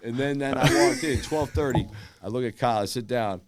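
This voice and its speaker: A man in his thirties telling rambling stories fast in casual chat, swearing and jumping into quick voices. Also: medium pitch, noisy background. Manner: fast rambling anecdotes with profanity and quick voice swings. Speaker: podcast guest telling stories.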